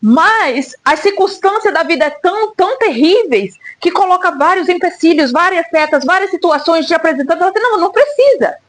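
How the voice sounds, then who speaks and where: A woman's voice: very high-pitched, expressive, normal speed, few pauses. A woman preacher giving an emotional personal testimony, fervent and repeating phrases for emphasis.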